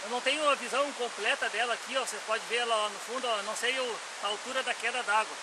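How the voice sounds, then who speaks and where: High-voiced man by a roaring waterfall. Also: quick pace. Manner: relaxed, folksy, pointing things out with "ó". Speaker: outdoor bushcraft vlogger. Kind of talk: casual guided trail commentary. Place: forest trail by a waterfall, outdoors. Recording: loud hiss and waterfall noise.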